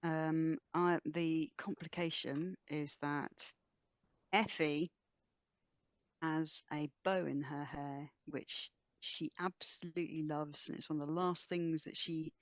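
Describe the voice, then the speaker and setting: Slow, deliberate player on a dull, dry mic. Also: mid-range voice, level tone, no echo. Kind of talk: tabletop role-play discussion.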